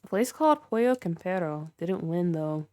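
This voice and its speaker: A young woman streaming herself building in a game chats with her audience and shows off her work, leaning on filler words. Her voice sits on the low side, expressive and darkish, at a normal speed, with a dry recording.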